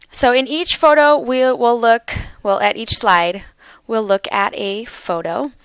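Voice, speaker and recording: A woman teaching English vocabulary, speaking slowly and carefully and repeating words for learners. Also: medium pitch, fairly bright tone, smooth, dry recording. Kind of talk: slow, clear vocabulary lesson.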